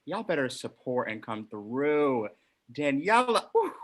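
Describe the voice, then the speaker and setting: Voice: mid-range voice, sing-song, measured pace, background noise. Gushing, exclamatory showcase host. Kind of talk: live online showcase hosting.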